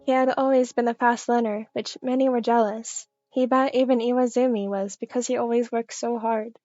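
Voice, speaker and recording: A woman's voice: fairly high pitch, steady tone, normal speed, mellow, no room sound. A woman reading a scripted story aloud as narrator. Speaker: fan fiction reader. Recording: slightly dull lo-fi audio under music.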